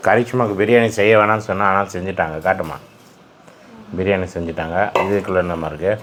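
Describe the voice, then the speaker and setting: A man's voice: low voice, steady tone, quick pace, background noise. A man in a casual family vlog. He talks to his viewers in a glum, downbeat way. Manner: glum, talks straight to viewers, sings a sad song a few times. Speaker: family vlogger.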